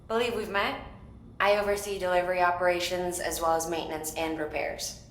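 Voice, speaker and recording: A woman's voice: fairly low pitch, fairly even intonation, a little fast, fairly bright tone, natural voice. An actress playing a casual, offhand female maintenance chief in a video game. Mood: easygoing. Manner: informal, offhand. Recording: roomy echo, clear background noise.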